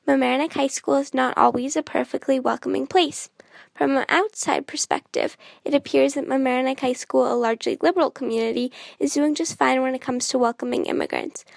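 A woman's voice: high-pitched, creaky, dry recording. A teenage girl narrating a report as a student reporter, in an earnest read-aloud delivery. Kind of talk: scripted narration.

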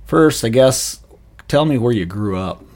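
A man's voice: mid-range voice, lively intonation, measured pace, a little mellow, faint music behind. A man hosting a conversational podcast interview, asking questions and giving frequent encouraging affirmations. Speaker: insurance agent, podcast host.

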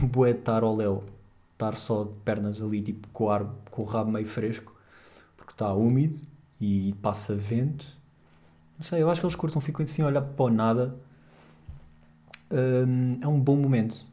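In a relaxed podcast conversation, a young man with a European Portuguese accent rambles and jokes in slangy speech. He talks at a normal speed in a mellow, mid-range voice.

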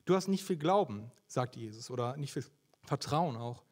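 A man's voice: mid-range voice, moderate pace. A young man preaching a conversational sermon, asking his listeners questions as he goes. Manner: lively, conversational, asks the audience questions.

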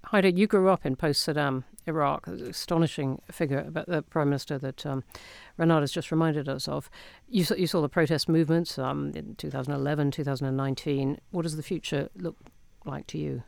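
A man hosting a panel discussion, courteously putting questions to his guests. His voice sits a little high and has a gravelly edge, and it is recorded close and dry. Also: steady tone, fairly quick, no echo. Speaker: podcast host and moderator. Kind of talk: moderating a panel.

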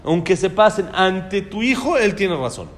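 A man's voice: sits high, lively intonation, normal speed, crowd noise. A man teaching a religious class on raising children, speaking emphatically and putting questions to his listeners. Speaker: Torah teacher.

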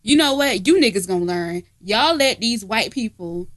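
A woman's voice: medium pitch, expressive, normal speed, fairly bright tone. A woman co-hosting a casual comedy podcast from home, talking in a brash, profane, teasing way. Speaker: podcast co-host. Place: informal home setting, not a studio.

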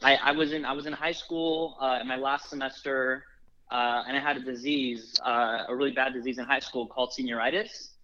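A man's voice: mid-range voice, flat delivery, brisk, pushed and bright, highs cut off. A young man from Los Angeles telling stories casually, with many likes and restarts. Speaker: film producer. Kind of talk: casual storytelling.

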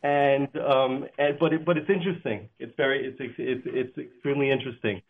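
A man on a speakerphone call, a kosher supervisor at a flavor plant, speaking in a halting way as he searches for words. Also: medium pitch, fairly even intonation. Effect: phone on speakerphone. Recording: tinny phone line.

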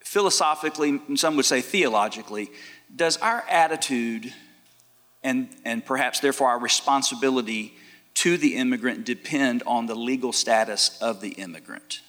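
A man, a pastor, moderates a panel with friendly, joking chatter. His voice is bright and clear, and it rings with the long reverb of a church hall. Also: mid-range voice, moderate pace. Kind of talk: casual moderating at a church event.

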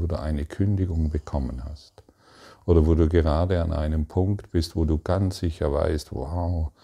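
A spiritual teacher with a bass voice gives a calm, meditative talk. He addresses the listener directly, posing probing questions in halting phrases.

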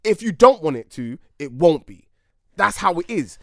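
A man's voice: on the high side, very animated, normal speed, creaky, a bit bright, no echo, clean studio sound. A man with a London accent in casual podcast banter, arguing emphatically and insistently in street slang as a co-host.

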